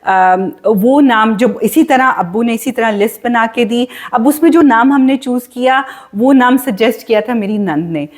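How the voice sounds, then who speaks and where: A woman's voice: on the high side, hardly any pauses. A woman, co-hosting a casual podcast chat and telling stories with animation. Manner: animated storytelling, voice rises as she relives her worries. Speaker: podcast co-host.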